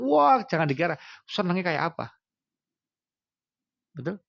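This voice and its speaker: A male preacher with a Javanese accent giving a casual religious talk, telling stories with animation and acting out pleading prayers. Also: high voice. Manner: animated storytelling, acts out pleading prayers and quotes. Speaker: Islamic preacher. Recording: dull lo-fi recording.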